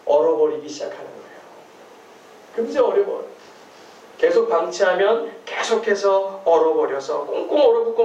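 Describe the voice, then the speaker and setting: High-voiced pastor in an echoey hall. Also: male voice, dull audio, a little hiss or hum. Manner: asks the congregation questions and answers them. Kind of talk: sermon. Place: church hall. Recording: echoey hall, mic from far off.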